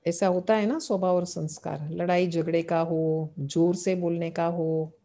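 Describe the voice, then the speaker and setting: A woman gives a devotional talk in a mellow, warm voice. She poses questions to her listeners and answers them, returning again and again to the same phrases. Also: fairly low pitch, fairly even intonation, unhurried. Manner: asks rhetorical questions and answers them, repeating key phrases. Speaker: spiritual teacher. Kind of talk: devotional sermon explaining scripture.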